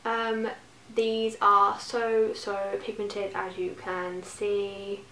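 A young British woman with a slightly croaky voice from a cold, giving a casual product review to camera as a beauty vlogger. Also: medium pitch, little pitch movement, drawn-out words, bright, forceful tone. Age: young adult. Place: small furnished bedroom, indoors. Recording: roomy echo, distant mic, faint hiss.

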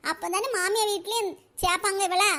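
A meddling village auntie from a comedy cartoon, her pitch sitting at a squeaky extreme. She speaks in a Kanyakumari Tamil accent and stirs trouble with mock sympathy. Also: fairly even intonation, brisk, bright, forceful tone, full character voice. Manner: nosy, scheming, mock-sympathetic.

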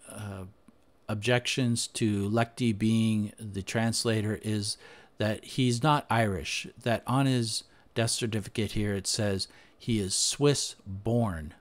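A low-voiced man, a history podcaster, talks through slides in a screen-share presentation. He speaks unscripted, thinking aloud with frequent "uh"s and restarts.

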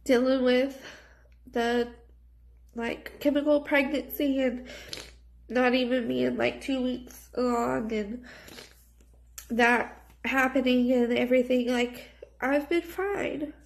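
Slow, creaky-voiced woman vlogging. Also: high voice, steady tone. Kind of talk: personal confessional vlog. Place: small plain indoor room. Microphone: phone at arm's length.

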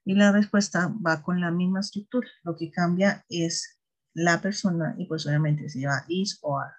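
A patient English teacher gives a recorded class explanation, stopping often to ask "¿listo?" and make sure students are following. The mid-range voice moves at a moderate pace with fairly even intonation, and the recording sounds dull and lo-fi.

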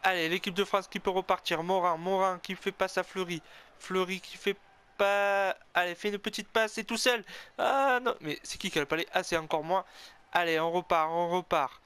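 A man's voice: sits high, normal speed, smooth. A man commentating his own ice hockey video game match, cheering, groaning and correcting himself as he plays. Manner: animated, cheering and groaning, frequent "oh là là" exclamations; self-corrects and admits being an amateur. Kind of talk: excited play-by-play game commentary.

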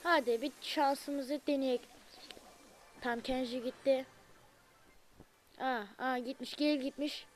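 A young woman commentating her own gameplay, alternating muttered remarks with loud frustrated outbursts and asides to viewers. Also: high-pitched, takes it slowly, pauses often. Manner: excitable, frustrated outbursts at the game; talks to viewers, asks them to subscribe. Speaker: gaming video creator; student.

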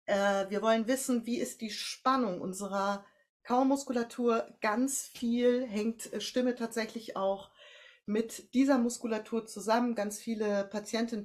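With a fairly high-pitched voice and a German accent, a female voice coach guides a breathing and posture exercise. She gives her step-by-step directions slowly and calmly.

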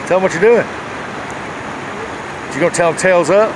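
A middle-aged fishing vlogger with a high-pitched voice chats casually in a folksy, plain-spoken way on a rocky riverbank. He holds his phone at arm's length, so the outdoor video is noisy, with rushing river water and open-air ambience all around.

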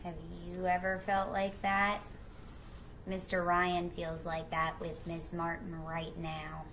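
With a voice on the low side, a middle-aged woman reads a children's picture book expressively to her young listeners in a small room at home. She lingers on the rhyming phrases, asks them questions and adds casual asides. Slight background noise can be heard.

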